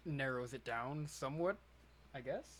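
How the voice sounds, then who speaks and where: A young man co-hosting a podcast in casual chat, giving dry, low-key replies. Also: lively intonation, normal speed, fairly bright tone, slight background noise. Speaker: podcast co-host.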